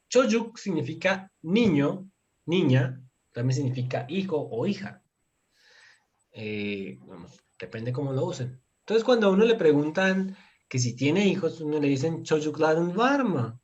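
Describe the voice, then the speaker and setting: A man giving a relaxed, casual language lesson, explaining slowly and sounding out words bit by bit. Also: on the high side, highs cut off. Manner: relaxed, chuckles now and then. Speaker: Turkish language teacher.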